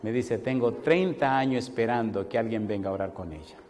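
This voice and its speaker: A man preaches and tells stories with lively swings from hushed asides to loud calls. His mid-pitched voice carries a long reverb through a church hall. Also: fairly quick, slight background noise. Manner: animated, moving between soft asides and loud exclamations. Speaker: pastor. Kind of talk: sermon storytelling.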